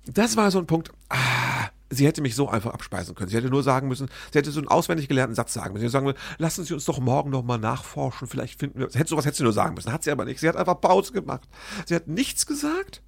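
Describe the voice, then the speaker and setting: A man casually telling a story to his listeners, animated and self-deprecating, acting out both sides of the dialogue. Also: medium pitch, quick pace, gravelly, breathy edge, no echo.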